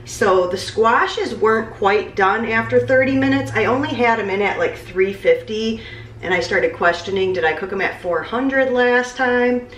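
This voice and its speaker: A woman's voice: fairly high pitch, normal speed, recorded from a distance, a little hiss or hum. A woman in her thirties chatting casually while she cooks in a small home kitchen, picked up by the camera mic as she moves around. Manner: chatty, talks while cooking and moving around. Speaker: cooking vlogger. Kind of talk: casual cooking vlog. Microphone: camera mic, distance varies as she moves. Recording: roomy kitchen echo, off-mic at times.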